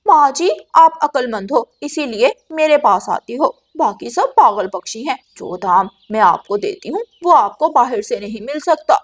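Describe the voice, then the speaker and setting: A crafty female crow who runs a shop, voiced by a woman in a cartoon. She talks loudly and bossily, scolding and threatening, in a fairly high voice. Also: animated, unhurried, few pauses. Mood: sly. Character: crafty, bossy female crow shopkeeper, bully.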